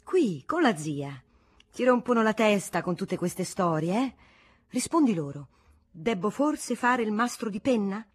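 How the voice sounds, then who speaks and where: A woman reading an audiobook voices a scornful old noblewoman, a spinster aunt who mocks learning, with a husky voice. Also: medium pitch, lively intonation, measured pace. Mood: mocking. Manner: mocking, dismissive.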